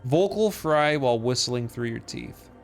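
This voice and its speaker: A man's voice: medium pitch, animated, measured pace, vocal fry. Male streamer, casual commentary, swearing, faint music.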